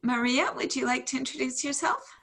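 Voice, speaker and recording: A woman runs an online meeting, inviting each member to speak in a friendly tone. Her voice sits high and sounds bright with a gravelly fry. She speaks through a video-call mic. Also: brisk. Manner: friendly, calls on people in turn. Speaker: meeting chair.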